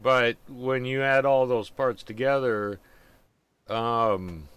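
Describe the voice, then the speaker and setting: Slow, smooth-voiced male stream host. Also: mid-range voice, fairly even intonation, fairly bright tone, no echo. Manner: unhurried, chuckling, trailing off. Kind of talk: casual live-stream chat. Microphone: video call.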